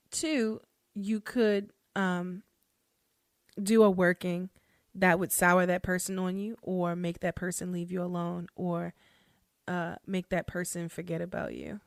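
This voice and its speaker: A woman's voice: fairly low pitch, dry recording, clean studio sound. A woman hosting a casual solo podcast, talking loosely with plenty of fillers, restarts and frequent laughter. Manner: chatty, laughs often, many fillers and restarts. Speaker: podcast host and hoodoo practitioner.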